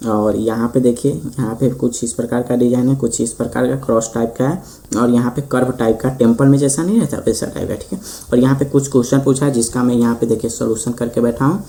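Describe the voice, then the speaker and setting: A man teaching a school maths lesson, reading lines slowly and explaining each one. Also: medium pitch, dark tone. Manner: repeats "ठीक है" often, reads English lines slowly then explains. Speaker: tutor; host of the channel.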